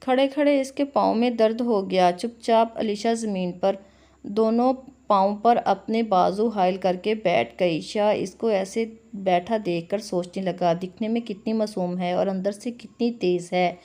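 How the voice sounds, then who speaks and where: A woman reading a romance novel aloud as narrator, with steady storytelling. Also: mid-range voice, measured pace.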